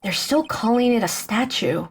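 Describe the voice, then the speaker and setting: A woman's voice: on the high side, animated, normal speed, soft background music. A young woman casually commenting as she plays a story game, chatty and full of fillers. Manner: chatty, filler-heavy, reads characters aloud. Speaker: let's play streamer.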